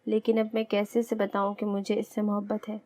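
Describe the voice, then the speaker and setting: A woman's voice: medium pitch, monotone, mellow, dry recording, lightly acted. A woman voicing a proud young husband who is stubborn at first and turns tender. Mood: defensive, stubborn. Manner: firm, then teasing and tender.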